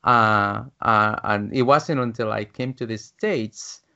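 In dull, lo-fi audio, a man in his fifties from Guatemala tells his life story as a guest in an interview; he works as a business coach and often uses fillers and restarts his sentences. His voice is on the low side, creaky, pushed, and bright, with a slow pace.

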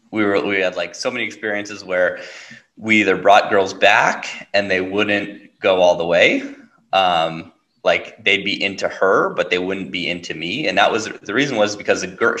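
A man hosting a podcast with a forceful, bright tone sitting a little low in pitch. He talks in a loose, rambling way, full of fillers, and laughs easily. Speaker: podcast host. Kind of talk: casual storytelling chat.

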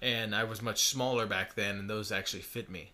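Young guy cohosting a chill couples podcast, bright voice, jokey storyteller. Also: fairly low pitch, steady tone, fairly quick. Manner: joking, rambling storyteller. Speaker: podcast co-host. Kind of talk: casual couples podcast chat.

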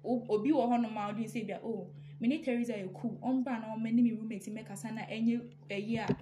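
A woman guest on a casual podcast, talking in an animated way and mixing in local phrases. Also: a little high, fast talker, echoey room, noisy background.

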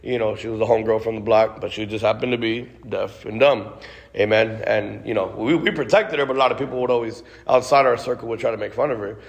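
In a big, echoing hall, a man with a lowish voice and vocal fry delivers a sermon at a quick pace, moving into spoken prayer. He keeps it casual and conversational, restarting often and tagging lines with "God" and "Lord."

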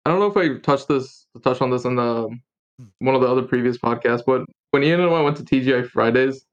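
A man's voice: mid-range voice, brisk, muffled recording. A young man co-hosting a podcast, joking and laughing, often trailing off mid-sentence. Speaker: podcast co-host. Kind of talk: casual chat.

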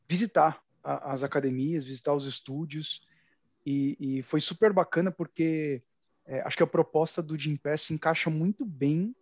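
Hesitant podcast host with a muffled dry sound. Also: male voice, fairly high pitch, fairly even intonation, normal speed, darkish tone, dry recording. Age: 30s. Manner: hesitant, many fillers and restarts, friendly. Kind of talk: casual podcast chat.

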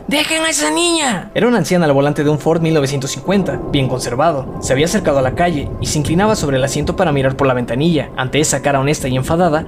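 Man narrating a horror audiobook. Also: fairly high pitch. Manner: steady, dramatic reading.

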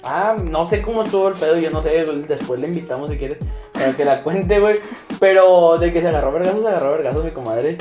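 A man's voice: a little high, quick pace. A man with a Mexican accent bantering in casual chat, teasing and full of slang. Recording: roomy sound with music underneath. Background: music.

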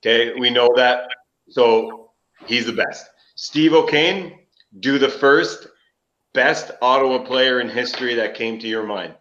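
A man's voice: medium pitch, fairly bright tone. A man hosting a casual chat, his voice sounding like he is in a cave, recorded on an old laptop mic in a basement. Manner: brisk, jokey, runs the segments. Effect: cave-like echo from a basement laptop mic. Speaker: podcast host. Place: basement room. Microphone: old laptop built-in mic. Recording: echoey, dull lo-fi laptop mic.

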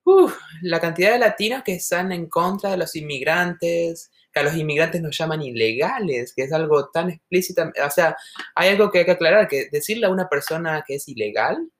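A woman from Argentina with a softened Argentine accent, co-hosting a podcast and talking earnestly and at length in casual conversation. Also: fairly low pitch, animated, a little fast. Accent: Argentine Spanish, softened toward neutral. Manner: earnest, reflective, talks at length. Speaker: podcast co-host.

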